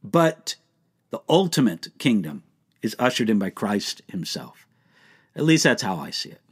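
Animated, emphatic male Bible teacher. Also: fairly low pitch, unhurried, husky. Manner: emphatic, earnest, rhetorical questions. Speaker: Bible teacher answering viewer questions. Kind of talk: live Q&A teaching.

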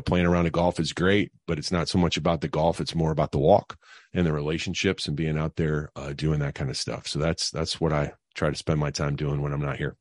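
A man's voice: rumbling low, no echo, clean studio sound. A middle-aged man, a guest on an interview podcast, telling personal stories in a conversational way with many fillers and restarts. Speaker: guest, financial advisor. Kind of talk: casual interview storytelling.

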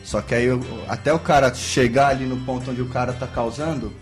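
A man's voice: medium pitch, steady tone, a little fast, soft background music. A Brazilian man recounting an outing in loose, slangy casual chat. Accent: Brazilian Portuguese.

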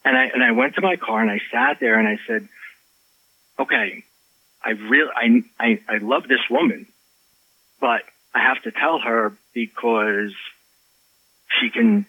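Guy telling a story on an interview, mid pitch, kinda dull lo-fi sound. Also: measured pace, long pauses, husky, no echo. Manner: animated storyteller, acts out quotes, many restarts. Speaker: author and life coach, interview guest. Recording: slightly dull lo-fi audio.

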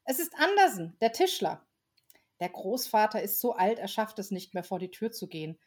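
Woman doing a calm motherly Mrs. Christmas. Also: medium pitch, normal speed, slightly rough. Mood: gentle.

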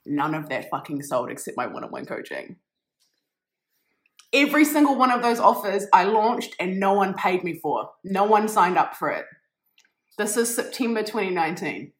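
A woman's voice: medium pitch, big pitch swings, moderate pace. A young woman hosting a solo podcast, talking casually and swearing freely in an upbeat, motivational way. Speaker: podcast host.

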